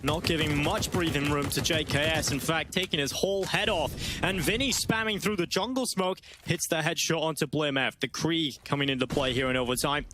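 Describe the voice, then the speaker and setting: A man working as an esports caster, giving live play-by-play match commentary in a dramatic manner that builds into excited calls. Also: fairly high pitch, brisk, noisy background.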